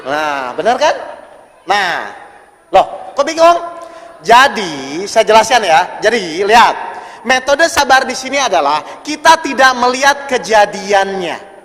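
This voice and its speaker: A man's voice: very high voice, a bit bright. A man preaching an interactive sermon, questioning the audience and repeating his points. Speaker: Islamic preacher. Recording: long hall reverb.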